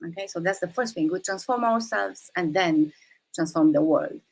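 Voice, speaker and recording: A Romanian woman, a guest teacher of quantum activism, gives an earnest, thoughtful explanatory talk in an online session, full of "uh," "um," and restarts. Her lowish voice is creaky and a little mellow with a breathy edge, at a moderate pace, on a rough recording.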